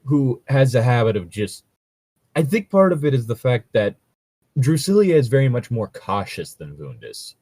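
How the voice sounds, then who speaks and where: A man with a mid-range, dark, sing-song voice talks at a moderate pace as a co-host reading and discussing tabletop gaming stories. His casual chat is rambling and jokey, with a bit of swearing, and the recording is dry.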